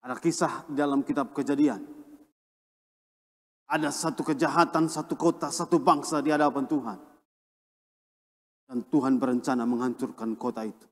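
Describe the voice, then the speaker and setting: A man from Indonesia, a pastor, preaching a sermon with emphatic swings between a raised and a lowered voice. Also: darkish tone, big-room sound. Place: church.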